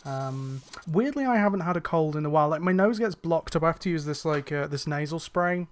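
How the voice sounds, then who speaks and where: During a live stream of a cleaning game, a young man chats casually with viewers in a fairly high, animated voice at a slightly fast pace. He rambles with fillers and restarts and sounds a little tired.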